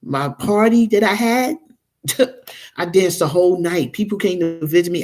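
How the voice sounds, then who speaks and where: A woman's voice: low voice, a little mellow, slight background noise. A woman in her forties, a tarot reader chatting casually and rambling to her livestream viewers. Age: 40s.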